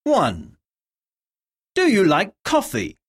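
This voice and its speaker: The narrator is a woman whose husky voice sits at medium pitch yet ranges enormously. She delivers a scripted English lesson of words, questions and dictation in a measured, well-enunciated way, leaving pauses.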